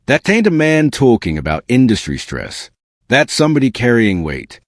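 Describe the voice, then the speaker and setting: A man's voice: mid-range voice, very animated, moderate pace, no echo, studio quality. A man delivering scripted celebrity exposé commentary as an online host, in a slangy, incredulous, smug and sarcastic manner.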